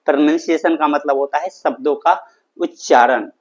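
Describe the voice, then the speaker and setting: A man with an Indian accent teaching English phrases in a live online class, explaining in Hindi and repeating sentences slowly for learners. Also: on the high side, lo-fi sound. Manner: slow, drawn-out model sentences repeated for learners. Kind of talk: live online language lesson. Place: home room.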